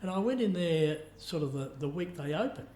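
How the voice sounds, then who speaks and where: A man with a somewhat high, slightly mellow voice interviews someone on a podcast, talking fairly quickly and with animation. His style is informal, rambling and conversational, sprinkled with anecdotes, and the room sounds echoey.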